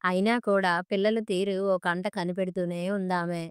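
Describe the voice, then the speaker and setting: A woman reading a family story aloud in a calm, measured storytelling manner. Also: lowish voice, smooth, no echo, clean studio sound. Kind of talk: scripted story narration.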